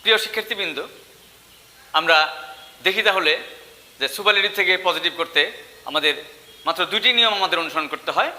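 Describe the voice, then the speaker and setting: A male English teacher with a Bengali accent gives an online grammar lecture, slowly spelling out each word form. His voice sits high and rings very bright. A long reverb trails his words, as if he were recorded in a hall. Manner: slow, deliberate, spells out word forms one by one.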